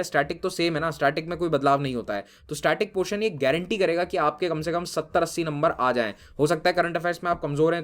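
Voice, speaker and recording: Fast-talking male exam-prep teacher. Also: a little high. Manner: brisk, direct, mixes Hindi with English phrases; addresses students informally, reassuring and firm. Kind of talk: motivational exam-prep lesson.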